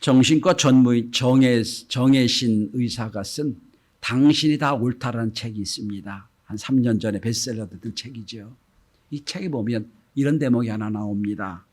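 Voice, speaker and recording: A middle-aged man preaching a Sunday sermon as pastor, often dropping into gentle quoted speech and then rising loud again. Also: medium pitch, normal speed. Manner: acts out gentle quoted speech, swings between soft and loud.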